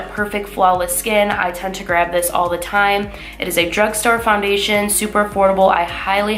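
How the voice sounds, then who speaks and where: Getting over a cold, this young woman in her twenties sounds nasal as she hosts a relaxed makeup tutorial. Her medium-pitched voice is a bit bright, and as a beauty vlogger she keeps things chatty and upbeat, with many filler words.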